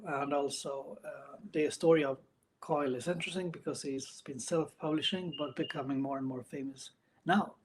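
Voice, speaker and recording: A man chatting casually and unscripted as a vlogger about his hobbies, speaking in a hesitant, halting way with broken phrases. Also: a little high, slight background noise, rough recording. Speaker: book and gaming vlogger. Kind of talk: casual unscripted video chat about reading and games.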